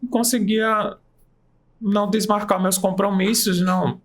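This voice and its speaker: In a casual interview, a man who works as an aromatherapist and nurse tells his story enthusiastically. His voice is high-pitched with a level tone, and although he's generally unhurried, his pace shifts as he goes.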